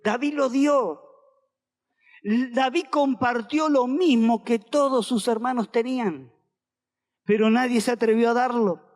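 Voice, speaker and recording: High-voiced Argentine pastor preaching. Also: male voice, a little slow. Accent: Argentine Spanish. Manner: emphatic, repetitive preaching that calls the congregation to repeat phrases. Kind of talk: sermon. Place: auditorium. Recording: long reverb of a large hall.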